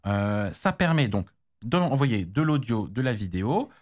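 A man's voice: fairly low pitch, very animated, a little slow. A man explaining technical standards in casual chat, slangy, with many restarts and fillers. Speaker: tech guest expert.

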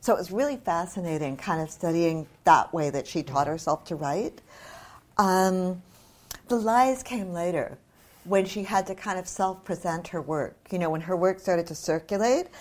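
An older woman from New Zealand talking as a guest author, candid and discursive in a conversational literary discussion. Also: on the low side.

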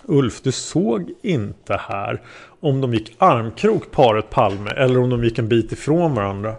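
A man's voice: mid-range voice, expressive, vocal fry. A man reading the questions of a methodical male police interrogator. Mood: probing. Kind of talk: read-aloud interrogation transcript.

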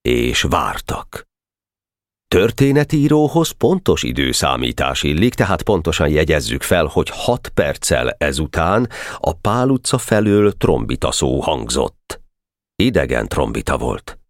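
A man narrating a classic novel as an audiobook, with an expressive storytelling delivery on a close microphone. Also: a bass voice, no echo. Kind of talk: scripted literary narration.

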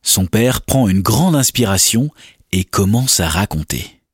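A male storyteller reads a children's tale in a fairly low voice. It has a husky edge and is recorded very dry. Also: animated, measured pace, no echo, faint music behind. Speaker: narrator. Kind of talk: scripted children's story narration.

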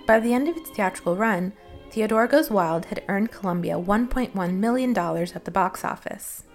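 A woman narrates a scripted film history essay. Her voice sits at a middle pitch and her delivery is articulate and measured. Soft music plays underneath. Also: expressive.

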